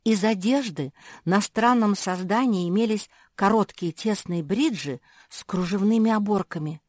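A woman narrating a children's audiobook in a calm, measured storytelling manner. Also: mid-range voice, no echo, studio quality.

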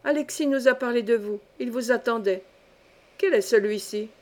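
A woman's voice: a little high, normal speed, a little mellow, lightly acted. Curt working-class aunt, read by a woman in an audiobook, blunt and cold. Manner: blunt, cool, unwelcoming.

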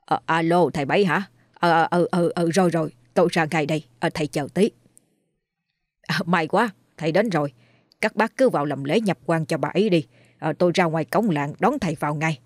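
A woman's voice: deep voice, brisk, no room sound, clean studio sound. A woman narrator voicing an older village man who talks in a sure, reassuring way. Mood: assured. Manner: assured, reassuring. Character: old village man, confident and persuasive.

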